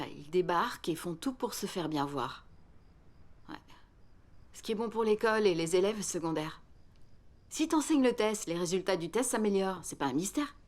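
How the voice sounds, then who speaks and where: A middle-aged wife and schoolteacher who vents about work at length. Her voice sits low, and she talks in a chatty, pointed way. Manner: talkative, complaining, pointed. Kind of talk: film dub.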